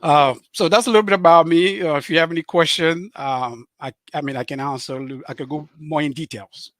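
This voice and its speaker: A middle-aged Cameroonian author with a Cameroonian French accent appears as a guest on a live show. He talks earnestly but haltingly, with many fillers and restarts. His voice is on the high side and a bit bright, and the recording is dry.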